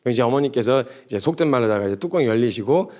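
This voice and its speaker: A man preaching a sermon to young adults, animated and storytelling with humorous asides. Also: mid-range voice, fast talker.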